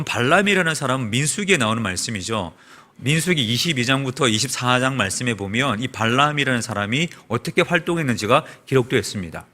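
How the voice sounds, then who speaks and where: A man preaching a Sunday sermon as a pastor in a church, asking the congregation rhetorical questions. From South Korea. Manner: preaching with rhetorical questions and lively swings in pitch and volume. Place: church sanctuary.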